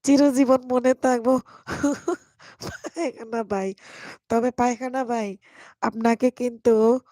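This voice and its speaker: A woman hosting a casual live stream and reading out comments, hoarse from a cold, laughing a lot and drawing her words out. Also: fairly high pitch, steady tone, dark tone, dry recording, studio quality. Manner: laughs a lot, slow and drawn-out.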